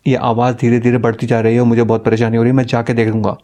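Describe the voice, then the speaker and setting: A male storyteller voicing an anxious young son who talks in a hurried, insistent way. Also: medium pitch, completely flat delivery, mellow, close to an everyday voice.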